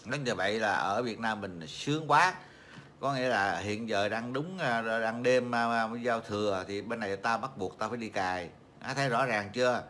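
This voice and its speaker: A man's voice: fairly low pitch, moderate pace, a bit bright, slight background noise. A middle-aged man from Vietnam hosting a casual livestream chat, rambling and mocking, with many fillers and repeated words. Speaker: livestream host.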